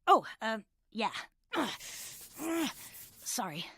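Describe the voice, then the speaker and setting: Woman doing a jumpy boy dragon, stammering, lively up-and-down voice, dry close sound. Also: fairly high pitch, extremely slow, slightly rough, no echo, heavily acted. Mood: flustered. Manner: flustered, stammering, erupting into sudden loud outbursts. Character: young male dragon, flustered and eager to please. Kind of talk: cartoon voice acting.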